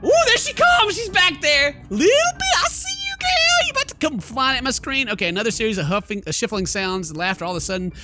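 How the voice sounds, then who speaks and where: With a very high voice, this very animated gaming video host speaks fairly quickly with few pauses, doing playful, theatrical let's play commentary as he exclaims and reads game text aloud. He's on a close microphone at a desk, and faint game music plays in the background.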